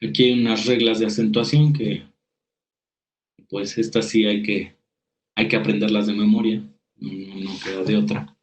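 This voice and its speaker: A man with a fairly low voice and a Mexican Spanish accent gives a spoken lesson on spelling rules. He reads definitions out, then explains them with worked examples in a steady teaching manner, often restarting a phrase as he goes. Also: normal speed, a little hiss or hum, poor audio. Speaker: writing workshop instructor. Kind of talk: spoken lecture over slides.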